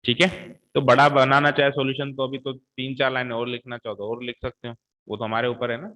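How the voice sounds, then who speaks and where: A man's voice: medium pitch, flat delivery, brisk, bright, forceful tone. A middle-aged man teaching a maths lesson, talking students through each step and checking in with them often. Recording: tinny phone-like sound.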